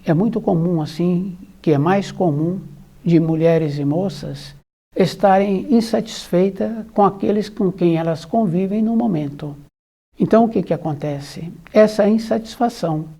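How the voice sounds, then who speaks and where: A spiritual teacher talks in an unhurried, measured way, with frequent pauses between short phrases. The voice is mellow and relaxed and sits at a middle pitch. The delivery is calm and repetitive, like a teaching talk.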